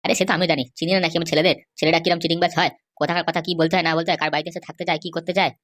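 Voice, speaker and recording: A woman's voice: on the low side, level tone, racing, fairly bright tone. A woman voicing a worried young cartoon man who rambles on about his girlfriend's family. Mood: grumbling. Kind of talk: cartoon voice acting.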